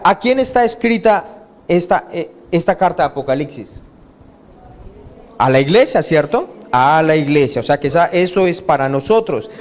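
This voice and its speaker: A man's voice: a little high, a little mellow. A male pastor preaching an interactive sermon, asking his congregation questions and having them call out and repeat the answers. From Colombia. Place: church hall.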